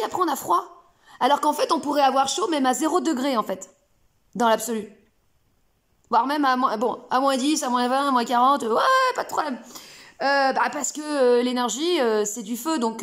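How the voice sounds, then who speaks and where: A woman talks straight to camera from her home, loose and playful, wandering through her points with lots of fillers. Her voice sits notably high. The tone is informal and chatty. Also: a bit bright. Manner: rambling, playful, many fillers. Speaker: self-help video host. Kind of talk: casual spoken explanation to camera. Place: home room.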